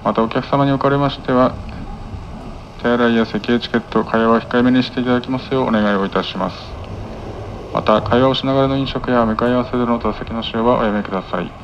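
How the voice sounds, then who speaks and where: A man's voice: medium pitch, steady tone, fast. A man working as a train conductor, making clipped, formulaic live announcements. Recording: muffled train PA, clear vehicle noise. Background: moving train noise.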